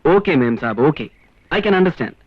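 A commanding security officer. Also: male voice, on the high side, big pitch swings, measured pace, no room sound. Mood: stern. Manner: firm, commanding, clipped. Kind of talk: 1990s film dialogue. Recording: dull lo-fi film soundtrack with faint score.

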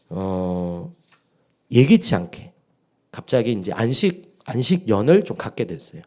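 A man's voice: medium pitch, dark tone. A middle-aged male pastor delivering a dawn sermon, telling a story with quoted dialogue and building to emphatic exhortation. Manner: rises to emphatic peaks when exhorting.

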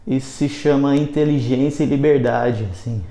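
Brazilian man vlogging in a flat voice. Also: medium pitch, normal speed, gravelly. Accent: Brazilian Portuguese. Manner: opinionated, conversational, hesitant phrasing. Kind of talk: casual opinion vlog. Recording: roomy echo.

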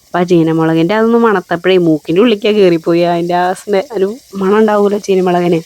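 A woman narrating her home cooking in a casual, chatty way, speaking slowly and gently with a slightly hoarse voice from a lingering cough. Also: on the low side, fairly even intonation, no echo. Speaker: cooking vlogger.

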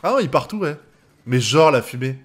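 A man's voice: on the high side, lively intonation, normal speed, husky. A man from France giving live reaction commentary on an anime episode, swearing often and breaking into laughter.

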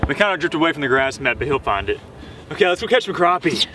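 A man's voice: on the high side, sing-song, fast talker, very noisy. A young man hosting a fishing vlog from a boat at night, chatty and upbeat as he shows off his catches. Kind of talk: casual outdoor narration. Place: small boat on a lake at night, outdoors. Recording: music mixed in clearly.

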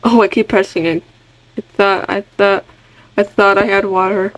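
A woman giving casual, excitable commentary on a game she is playing, chatty and often restarting her words. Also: medium pitch, normal speed, no room sound, rough recording. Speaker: gaming video creator.

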